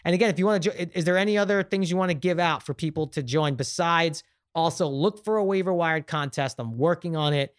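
A man's voice: on the high side, quick pace, clean tone, no room sound, clean studio sound. A man with a Brooklyn accent co-hosting a casual sports podcast, rambling with fillers and restarts. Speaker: podcast co-host.

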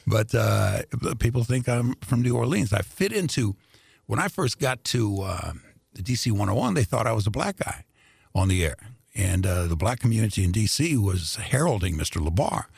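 An older man with a low, gravelly, husky voice tells stories unhurriedly, drawling and laughing often. He was born in Greece and grew up in Indianapolis. The sound is close and dry, with no room echo. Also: moderate pace. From born in Greece, raised in Indianapolis. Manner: relaxed, drawling, laughs often, many fillers. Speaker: radio personality, guest. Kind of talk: casual interview storytelling.

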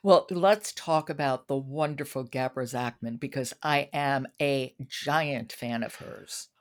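A woman with a very deep voice speaks unhurriedly as host of a podcast about books. She shifts between conversational book review chat and announcements.

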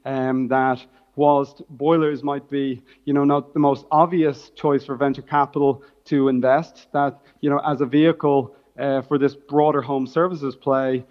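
Man, Dublin accent, flat even intonation, explanatory startup-founder talk, business jargon, slightly dull recording. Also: mid-range voice, a little slow. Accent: Dublin Irish. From Dublin, Ireland. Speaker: startup founder, interview guest. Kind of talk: conversational business interview answers.

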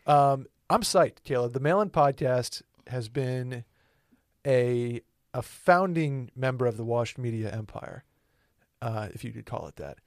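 A man's voice: mid-range voice, unhurried, dry recording, clean studio sound. A man in his twenties co-hosting a podcast in loose, casual chat that often backtracks and corrects itself. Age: 20s. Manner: loose, rambling, self-correcting. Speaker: podcast co-host.

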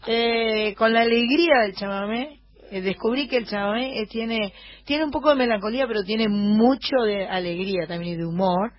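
A woman's voice: a little high, moderate pace, no room sound. Chatty Argentine woman radio host. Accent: Rioplatense Argentine. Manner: chatty, filler-heavy, hesitant. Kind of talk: casual radio chat. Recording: muffled radio broadcast.

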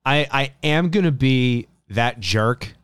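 Smooth-voiced man hosting a podcast chat. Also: mid-range voice, slow, no echo, clean studio sound. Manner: rambling, chatty, restarts sentences. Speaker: podcast host. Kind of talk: casual chat.

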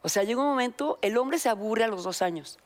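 A woman's voice: a little high, fast. An older woman with a Mexican accent, a talk show guest chatting casually and acting out the voices in her stories. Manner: animated storyteller acting out quoted dialogue.

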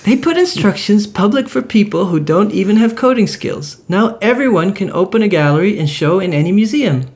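A man imitating his co-host as an overly enthusiastic man pitching an art project in a mock ad read. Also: animated, brisk, hardly any pauses, darkish tone. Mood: eager. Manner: eager, upbeat sales pitch.

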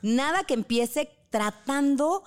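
A woman's voice: high voice, takes it slowly. A middle-aged woman, talking about grief as a guest in a casual podcast conversation and acting out the voices she quotes. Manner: animated storyteller, acts out quoted voices.

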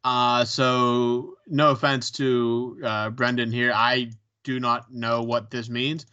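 A man's voice: mid-range voice, flat delivery, takes it slowly, sharp tone, smooth. A man with a Pittsburgh accent co-hosting a podcast in casual chat, rambling with many ums and restarts. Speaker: podcast co-host. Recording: dull lo-fi sound.

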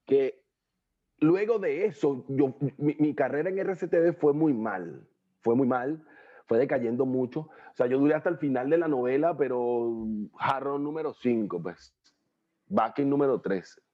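A man's voice: medium pitch, measured pace. Venezuelan guy telling stories on a video call, slangy, does the voices, kinda muffled audio. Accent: Venezuelan Spanish. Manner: animated, acts out quoted voices, slangy. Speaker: interview guest, actor. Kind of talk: casual storytelling interview.

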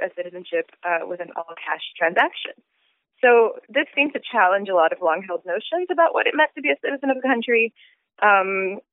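Speaking in a lowish voice, a woman in her thirties who grew up in Switzerland talks about her book in a relaxed interview. She's thoughtful, thinking out loud with frequent fillers and false starts, and the dry recording sounds tinny, like a phone.

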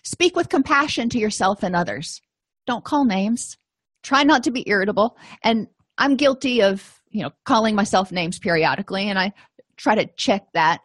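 A woman's voice: medium pitch, animated, moderate pace, a bit bright, no echo. Chatty middle-aged woman lecturing, dry sound. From Florida, USA. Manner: chatty, self-deprecating, asides with "you know". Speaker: counseling course instructor. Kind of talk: informal lecture.

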